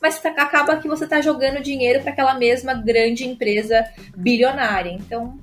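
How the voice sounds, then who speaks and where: Her voice is high-pitched and brisk, holding a steady tone. This Brazilian Portuguese-accented woman is a sommelier guest who talks at length in relaxed conversation, often restarting and leaning on filler tags.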